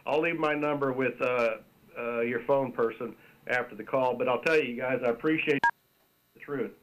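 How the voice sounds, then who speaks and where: A man's voice: mid-range voice, normal speed, muffled recording, noisy background. A man calling in to a talk radio show, speaking earnestly and emphatically. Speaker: caller.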